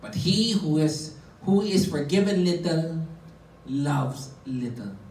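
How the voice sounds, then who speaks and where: Slow preacher in an echoey room. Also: male voice, on the high side, animated, creaky, a little mellow. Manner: reads verses aloud and comments between them, coaxing the listeners. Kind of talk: sermon reading and explaining scripture. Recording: roomy echo, heard from a distance.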